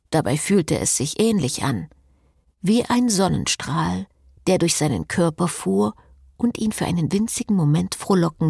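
Woman audiobook narrator, low husky voice, very lively pitch, slow. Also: no room sound, clean studio sound. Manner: slow, expressive reading. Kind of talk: scripted narration.

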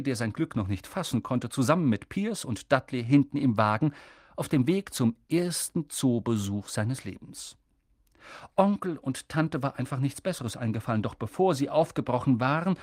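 Audiobook narrator, expressive storytelling, lively pitch, dry close recording. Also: moderate pace, no echo. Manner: expressive, voices the characters.

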